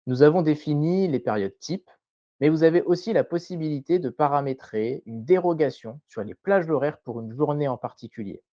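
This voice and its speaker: A man presenting a scripted tutorial voice-over in a measured, didactic way, carefully enunciated. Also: fairly high pitch, warm tone, no room sound, muffled recording.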